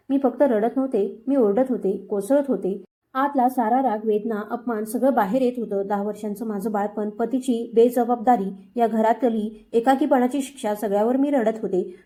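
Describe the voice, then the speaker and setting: A woman tells a heartfelt first-person story in a dramatic, emotional reading. Her voice sits a little high, with a soft, mellow tone.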